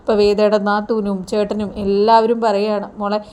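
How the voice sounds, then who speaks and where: Woman, serial recap narrator, chatty storyteller, fairly high voice. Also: fairly even intonation, a little fast, darkish tone. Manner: chatty storytelling with filler tags. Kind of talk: retelling a TV serial episode.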